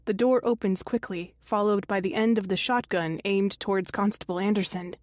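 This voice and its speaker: A woman narrating a first-person thriller audiobook in a measured, tense way on a close studio mic. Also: medium pitch, steady tone, darkish tone, dry recording.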